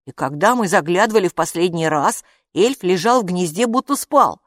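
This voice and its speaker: A woman voicing a calm, gloomy boy in an audiobook who explains things matter-of-factly. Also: fairly low pitch, moderate pace, no room sound, studio quality. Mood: glum. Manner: glum, matter-of-fact. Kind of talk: audiobook character voice.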